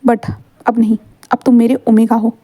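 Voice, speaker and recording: A woman's voice: a little high, completely flat delivery, normal speed, warm tone, no room sound, natural voice. Woman voicing an insistent male teacher. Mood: tender. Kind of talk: fan story read-aloud.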